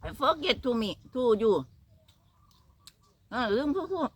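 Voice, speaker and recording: A woman's voice: sits high, expressive, drawn-out words, breathy edge. An older woman from northeastern Thailand with an Isan Thai accent, chatting casually in a vlog and mixing in broken English phrases. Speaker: vlogger. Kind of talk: casual chat.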